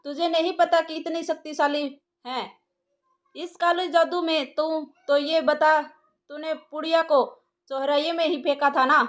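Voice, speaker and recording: A woman's voice: high-pitched, steady tone, unhurried, highs cut off. A woman voicing a scheming, domineering mother who scolds her daughter in an audio story. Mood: scolding. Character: scheming, bossy middle-aged mother.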